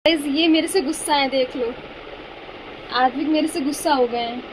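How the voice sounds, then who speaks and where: A young woman talks straight to her vlog viewers in a chatty, confiding way. Her voice sits high. Clear background noise and passing vehicles run under her speech. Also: normal speed, poor audio. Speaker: vlogger and home tuition teacher. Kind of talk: casual vlog chat.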